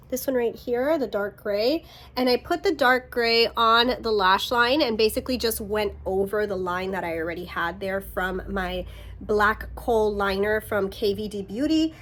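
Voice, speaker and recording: Chatting casually as she walks through a makeup tutorial, this young beauty vlogger has a medium-pitched, slightly nasal voice. Her tone stays upbeat, though she sometimes sinks to a soft whisper.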